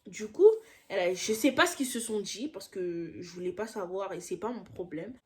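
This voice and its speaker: A woman's voice: mid-range voice, expressive. Young woman telling a heated story. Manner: slangy, heated storytelling with quick asides. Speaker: YouTuber telling a personal story. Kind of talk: casual story time.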